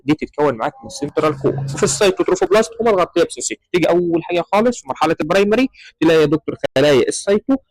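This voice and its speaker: With an Egyptian Arabic accent, a man lectures medical students on embryology slides, habitually calling the listener "doctor" and blending in English words. His voice is slightly high and a little mellow. There's no echo, but the audio quality is poor.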